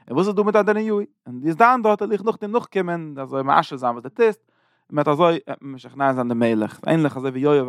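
A man with a somewhat high voice teaches a lesson on a biblical chapter, rattling through the story at great speed. He retells it in plain everyday terms, in run-on sentences full of restarts. The sound is close and dry, with no room echo. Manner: rapid, run-on explaining with many restarts.

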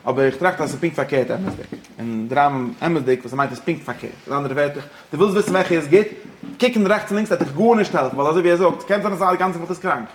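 A man teaching a religious-philosophy lesson, talking rapidly and repeating himself, dropping English phrases into his explanations. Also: on the high side, slight background noise. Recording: echoey room.

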